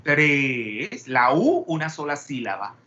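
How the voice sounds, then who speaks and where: A man's voice: fairly high pitch, big pitch swings, slow pace, lo-fi sound, background noise. A man teaching a chemistry class, peppering students with questions and wandering into digressions. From Panama. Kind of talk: classroom lecture.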